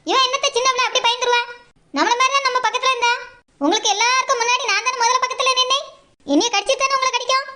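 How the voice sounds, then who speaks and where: A woman's voice: very high voice, rapid-fire. A woman with a southern Tamil Nadu dialect voicing a defiant, quarrelsome village woman in a cartoon, talking back sharply. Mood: aggrieved. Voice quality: sharp retorting. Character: defiant quarrelsome village woman who lost her chain.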